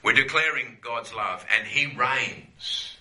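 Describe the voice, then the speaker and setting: A man's voice: mid-range voice, lively intonation, slow pace, sharp tone, reverberant, poor audio. A man teaching a Bible class to a group, conversational, often checking in with "yeah?" and repeating phrases for emphasis.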